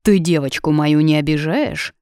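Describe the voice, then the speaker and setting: A worried, blustering father barks questions down the phone, loud and insistent, as a woman reader puts him on. The audiobook voice is dry and close, sitting low. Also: normal speed, no room sound, close to an everyday voice. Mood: gruff. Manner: blustering, protective, interrogating. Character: worried gruff middle-aged father on the phone.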